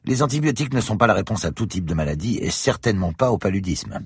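Guy doing a stiff science prof lecturing, husky voice, bit higher than his own, bouncy pitch. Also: expressive, fast talker, no echo, clean studio sound. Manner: lecturing, precise. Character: grave, pedantic male parasitology professor.

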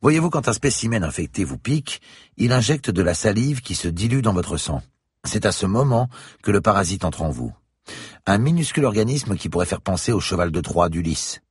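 Guy doing a stiff science prof lecturing, husky voice, bit higher than his own, bouncy pitch. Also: very animated, a little fast, no echo, studio quality, exaggerated voice. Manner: lecturing, precise. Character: grave, pedantic male parasitology professor.

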